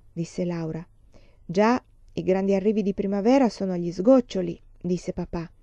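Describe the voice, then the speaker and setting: A woman reading a novel aloud in a calm, even storytelling voice. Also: fairly low pitch, dry recording, lo-fi sound. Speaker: reader. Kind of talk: audiobook reading.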